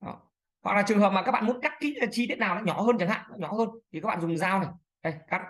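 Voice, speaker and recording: Fast-talking woman giving a screen tutorial. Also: medium pitch. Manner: chatty, fillers, many "đây này" pointers. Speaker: video editing tutor. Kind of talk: screen-recorded software tutorial.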